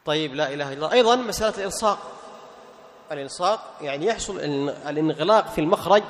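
In an expressive lesson on recitation rules, a man with a notably high voice quizzes his classroom of students through quick rhetorical questions, then repeats the answers. He slips into short chants as examples, and long reverb follows every phrase.

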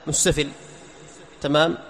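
A man teaching Quran recitation rules, asking his class questions, answering them himself and slowly chanting verses as examples. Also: on the high side, level tone, vocal fry, a bit bright. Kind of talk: tajweed lesson explaining letter articulation. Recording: long hall reverb, faint background noise.

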